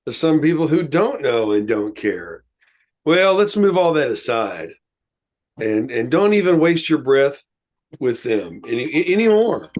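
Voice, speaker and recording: A man's voice: medium pitch, sing-song, unhurried, darkish tone. A man co-hosting a casual talk show, telling stories in a rambling, folksy way with many fillers. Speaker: co-host. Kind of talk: casual podcast chat.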